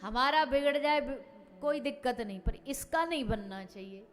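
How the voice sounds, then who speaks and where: A woman's voice: sits high, lively intonation, normal speed. A woman scripture storyteller giving a devotional sermon, telling the stories in a dramatic, emphatic way. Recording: reverberant hall, faint music behind.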